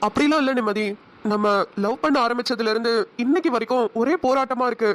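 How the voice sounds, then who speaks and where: Woman playing a fast-talking young husband. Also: fairly high pitch, close to an everyday voice. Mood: tender, pleading. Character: young husband, earnest and hot-tempered. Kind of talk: cartoon voice acting.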